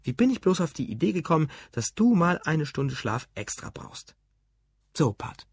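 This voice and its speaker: A man voicing a calm, sarcastic young wife and mother, matter-of-fact and cutting, in an audiobook reading. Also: fairly high pitch, brisk, creaky, breathy edge, no room sound, studio quality, pitched above the performer's own voice, heavily acted.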